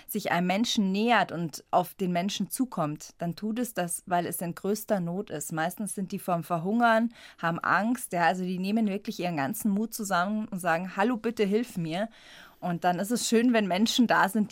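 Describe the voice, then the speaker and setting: A woman's voice: on the low side, no echo. Woman from around munich chatting on the radio, laughs a lot, dry studio sound. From Munich area, Germany. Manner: chatty storytelling, frequent laughs. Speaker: guest, squirrel rescuer. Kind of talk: radio interview.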